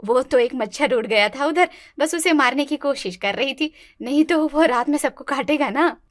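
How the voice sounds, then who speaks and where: A woman's voice: sits high, normal speed, no room sound, studio quality, lightly acted. A woman voicing a timid, naive young daughter-in-law in a cartoon, stammering and pleading. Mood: anxious. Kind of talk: cartoon voice acting.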